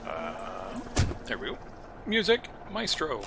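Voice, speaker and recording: A man's voice: mid-range voice, huge pitch swings, slow, vocal fry. Chatty man streaming a game, hissy mic. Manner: chatty, rambling, jokey asides. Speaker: gaming streamer. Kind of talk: casual gameplay commentary. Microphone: headset.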